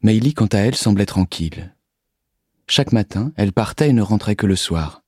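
Low, husky male storyteller. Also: dry recording, clean studio sound. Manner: calm, measured reading. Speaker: narrator reading a children's story. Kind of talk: scripted storybook narration.

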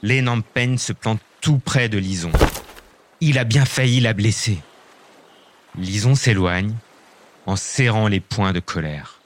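A man reading a children's story aloud, clear and expressive. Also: lowish voice, slow, long pauses.

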